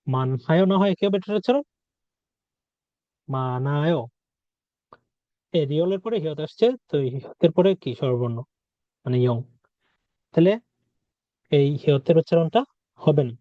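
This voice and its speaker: A man teaching a language lesson, saying words slowly and repeating them to drill their sounds. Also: on the high side, dry recording. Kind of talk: spoken lesson. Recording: dry, dull lo-fi sound.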